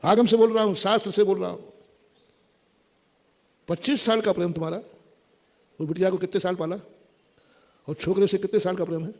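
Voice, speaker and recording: A man giving a sermon as a spiritual guru. He urges listeners emphatically and repeats his points, moving between loud exhortation and soft pleading. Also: high-pitched, steady tone, a little fast, pauses often. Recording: long hall reverb.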